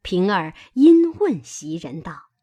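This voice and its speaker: A woman narrating a classical novel in a slow, measured storytelling voice. Her tone is husky and her pitch lively, rising and falling expressively. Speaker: audiobook reader.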